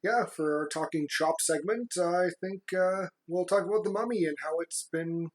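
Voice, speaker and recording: Low-voiced woman chatting on a podcast. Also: moderate pace. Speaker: podcast co-host. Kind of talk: casual podcast chat.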